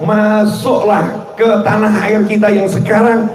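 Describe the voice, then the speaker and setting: A man with an Indonesian accent giving a sermon at a religious gathering, telling stories and jokes in a relaxed way and putting questions to the audience. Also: high-pitched, measured pace. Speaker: preacher. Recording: echoey hall, distant mic, background noise.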